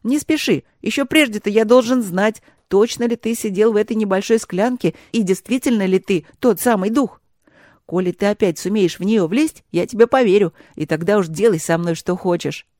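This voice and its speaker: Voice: medium pitch, normal speed, dry recording, studio quality, natural voice. A reader voicing a fearless, cheerful young man, a woodcutter's son, in an audiobook fairy tale. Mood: cheeky bold. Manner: lively, cheeky and fearless.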